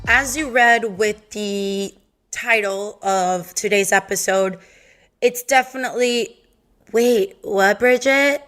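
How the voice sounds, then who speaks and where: A woman's voice: medium pitch, takes it slowly, fairly bright tone, soft background music. A young adult woman with a Valley Girl accent hosting a podcast, talking in a sassy, profane, sing-song way and slipping into playful quoted voices. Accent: Californian Valley Girl. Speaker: podcast host. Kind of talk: casual monologue.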